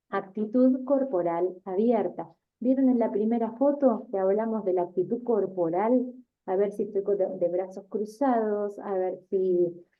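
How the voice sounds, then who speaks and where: Woman lecturing, tinny sound. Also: medium pitch. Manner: repeats points with frequent "¿sí?" and "¿mm?" checks. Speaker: teacher giving a talk on communication. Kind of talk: spiritual self-help lecture.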